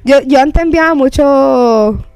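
A woman's voice: high-pitched, slow, darkish tone. A young Puerto Rican woman chatting casually and slangily in Spanglish, mixing English phrases into Spanish and swearing freely. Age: young adult. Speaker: podcast host. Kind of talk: casual chat.

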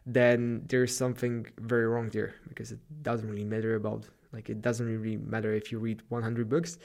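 His voice is lowish, gravelly and somewhat dark, with a level tone and normal pacing. The Slavic-accented man is alone on his podcast late at night in his apartment, offering a rambling, loose motivational pep talk.

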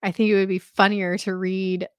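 A woman co-hosting a casual podcast, talking in a relaxed way that is full of hesitations and fillers. Her voice sounds dry and close, with no room echo. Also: medium pitch, moderate pace. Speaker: podcast co-host. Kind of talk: casual chat.

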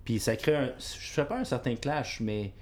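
A woman's voice: a bass voice, expressive, moderate pace, darkish tone. A woman in a casual panel chat, chatty and joking, often restarting her sentences.

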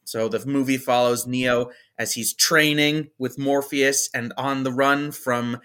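A man in his twenties co-hosts a podcast, rambling through a casual film review full of fillers and hesitations. His mid-range voice is steady, unhurried, sharp, and clean.

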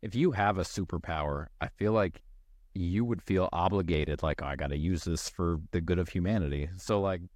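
Male podcast co-host, low voice, dry close recording, joking and swearing, argues every point. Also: normal speed, darkish tone, dry recording. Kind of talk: casual chat.

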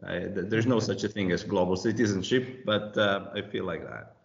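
Deep voiced guy in his 40s, slovak born, lots of ums, kinda muffled and echoey. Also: moderate pace, creaky. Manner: hesitant, many fillers and restarts. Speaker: compliance consultant, guest. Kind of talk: casual interview talk. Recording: muffled, roomy remote audio.

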